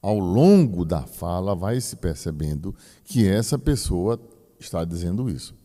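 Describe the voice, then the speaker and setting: A man's voice: deep voice, very animated, measured pace, dark tone. A priest giving a teaching talk to a group, explaining with folksy asides to his listeners. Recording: long hall reverb.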